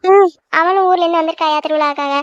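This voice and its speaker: A woman's voice: extremely high pitch, fairly even intonation, quick pace, dry recording. A woman voicing a caring middle-aged village aunt in a cartoon, talking in a coaxing, insistent way. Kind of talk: cartoon voice acting. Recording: dull lo-fi dry recording.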